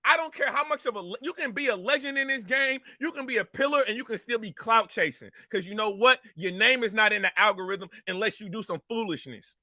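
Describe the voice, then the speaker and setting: Man, heated rant, sharp bright tone, repetitive, confrontational. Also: high-pitched, brisk, hardly any pauses, no echo, clean studio sound. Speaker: commentary show host.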